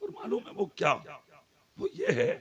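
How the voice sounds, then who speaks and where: High-pitched, gravelly, fervent male preacher. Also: huge pitch swings, moderate pace, dull audio, crowd noise. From Moradabad, India. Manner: fervent, shouting on key lines, joking with listeners. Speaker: Islamic preacher. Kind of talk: religious sermon at a night gathering.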